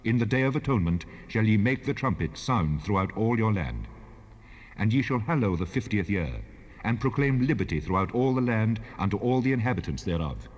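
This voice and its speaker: A man playing God in a dramatized scripture recording, handing down laws in a solemn, measured, commanding manner. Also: on the low side. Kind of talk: dramatized King James scripture reading. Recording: long hall reverb, 1970s cassette rip.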